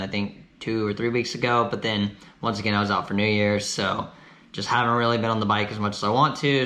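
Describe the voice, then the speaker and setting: A man's voice: lowish voice, sharp tone. Easygoing man chatting in a roomy house. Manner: chatty, easygoing, talks while eating. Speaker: cycling vlogger. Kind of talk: casual vlog to camera. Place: home, kitchen and couch.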